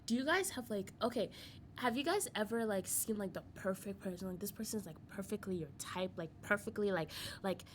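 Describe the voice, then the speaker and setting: A young woman hosting a casual podcast chat, talking quickly with lots of "like" and frequent laughter. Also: mid-range voice, lively intonation, slight background noise. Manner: chatty, laughs often, heavy use of "like". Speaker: podcast host.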